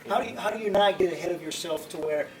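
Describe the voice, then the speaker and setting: A man's voice: high-pitched, fast talker, crowd noise. A man working as a sports interviewer, asking casual, rambling, roundabout questions. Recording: distant mic in crowded venue.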